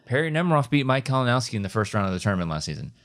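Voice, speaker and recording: A man's voice: mid-range voice, sing-song, racing, fairly bright tone. A man co-hosting a podcast, chatting enthusiastically about competition matches, rambling with frequent restarts. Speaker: podcast co-host. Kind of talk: casual chat recapping competition matches.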